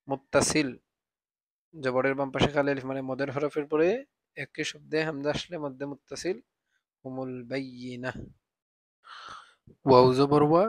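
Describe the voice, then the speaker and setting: Dry-voiced male Quran teacher spelling slowly. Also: medium pitch, no room sound. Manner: spells letters and vowel marks step by step, then chants the verse slowly. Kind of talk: spelling out and reciting Quranic words for learners.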